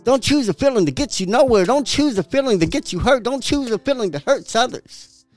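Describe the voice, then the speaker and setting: Man, podcast host, high-pitched voice, lively swings, blunt swearing, soft music behind. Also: a little fast. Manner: profane, emphatic, repetitive preaching; animated, laughs often. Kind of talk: motivational podcast monologue.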